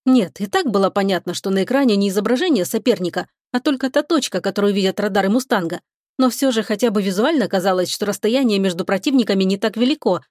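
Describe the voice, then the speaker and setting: A woman narrating a science fiction audiobook chapter in an even, measured storytelling voice. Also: mid-range voice, no echo, studio quality.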